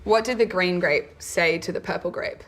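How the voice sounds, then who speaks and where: A woman's voice: on the low side, moderate pace, a bit bright. A woman telling dad jokes in a casual, giggly and apologetic way. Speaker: contestant in a dad joke contest. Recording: music playing behind the voice.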